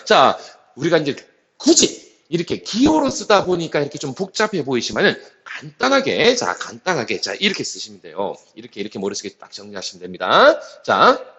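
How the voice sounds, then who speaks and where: A male math teacher lectures with a slightly high, very animated voice that rises and falls widely. He repeats key terms and uses a steady filler word to pace each step. The recording is somewhat muffled and lo-fi. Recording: slightly dull lo-fi sound.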